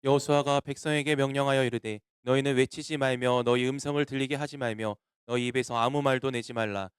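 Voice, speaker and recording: A man reads a scripture passage in a slow, solemn voice. His tone is very smooth and resonant, and the recording is dry and close. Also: mid-range voice, fairly even intonation, no room sound. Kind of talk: scripture reading. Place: church.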